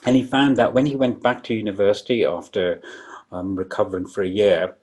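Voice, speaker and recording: A man with a somewhat low, husky voice gives a public lecture. He explains step by step, with frequent ums and restarts. He sounds a little rough from coughing and talks around a throat lozenge. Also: fairly even intonation, a little fast, darkish tone.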